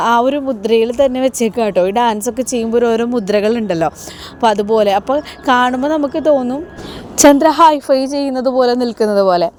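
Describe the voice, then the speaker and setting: A woman's voice: on the high side, a little mellow, a little hiss or hum. A woman retelling a TV serial episode in a chatty storytelling way, with fillers and conversational tags.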